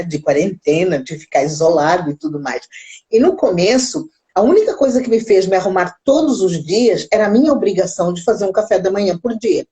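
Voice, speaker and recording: A woman co-hosting a live talk show, telling animated stories and laughing often in casual chat. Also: fairly low pitch, poor audio. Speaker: co-host.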